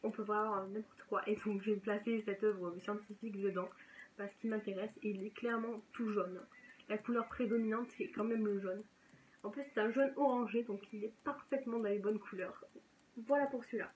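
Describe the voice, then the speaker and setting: A woman's voice: medium pitch, fairly even intonation, normal speed, a little hiss or hum, low-quality recording. A young woman chatting casually and enthusiastically as a book vlogger, often correcting herself mid-sentence. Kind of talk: casual chat.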